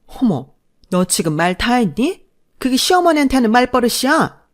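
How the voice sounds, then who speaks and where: A woman voicing a sharp-tongued older mother-in-law who scolds and mocks her daughter-in-law in a storybook reading. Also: very animated, moderate pace. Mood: indignant. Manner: scolding, shrill outbursts.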